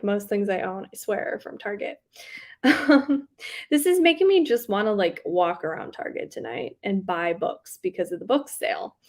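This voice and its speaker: Reading out live comments on her booktube stream, a young woman with a mid-range voice chats in a loose, rambling way. She giggles often and fills her speech with likes and ums, while a faint Southern US accent creeps into certain words.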